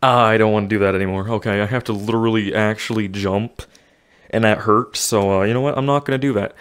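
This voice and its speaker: Young male gamer, winded, talks himself through VR play in a lowish voice; self-narrating, exclaiming. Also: steady tone, quick pace, clear, resonant tone. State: out of breath. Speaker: gaming YouTuber. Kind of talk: VR gameplay commentary. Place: home room with desk.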